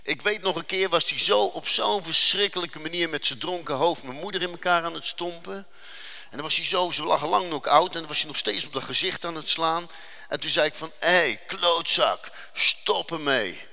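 Man, testimony speaker, earnest and dramatic, slowing for weight, bright voice. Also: on the high side, gravelly, big-room sound. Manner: earnest, dramatic storytelling with slowed emphasis. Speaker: speaker giving a faith testimony. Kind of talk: personal testimony.

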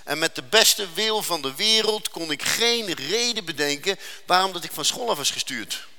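Man, testimony speaker, earnest and dramatic, slowing for weight, bright voice. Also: high-pitched, lively intonation, big-room sound. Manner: earnest, dramatic storytelling with slowed emphasis. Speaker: speaker giving a faith testimony. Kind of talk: personal testimony.

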